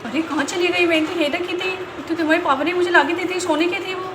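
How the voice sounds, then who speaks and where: A woman's voice: very high voice, fairly even intonation, fast talker. A woman voicing a bossy, stingy rich lady of the house who talks down to her maid, recorded in a roomy, noisy space. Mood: worried. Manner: scolding and commanding.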